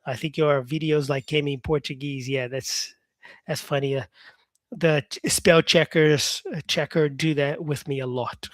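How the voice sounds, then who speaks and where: Chatting with his live audience, a Brazilian English teacher answers comments in a slightly high voice with fairly even intonation and an unhurried pace. He's easygoing and upbeat, peppering his talk with "yeah," and the studio recording is clean and dry.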